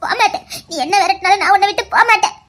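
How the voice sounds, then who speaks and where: A woman's voice: very high-pitched, very fast, sharp tone. A woman playing a tearful, pleading young lover. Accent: Tirunelveli Tamil. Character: heartbroken young woman clinging to her lover. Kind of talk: comedy skit drama.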